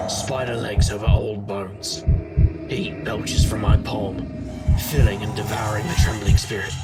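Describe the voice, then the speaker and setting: Grim and intense, this male actor narrates a noir audio drama as a supernatural private detective who is wry and world-weary. The voice is gravelly, husky and deadpan, pitched fairly low.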